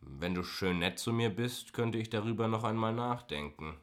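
A man's voice: lowish voice, expressive, normal speed, pitched above the performer's own voice. A man reading an audiobook, voicing a blustering, bigoted middle-aged male driver who rants and talks down to people. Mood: leering. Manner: ranting, condescending.

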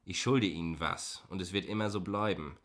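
A man's voice: sits low, normal speed, fairly bright tone. A man reading an audiobook, voicing a loyal, grinning male police officer who teases in a friendly way. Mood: earnest. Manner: teasing, friendly.

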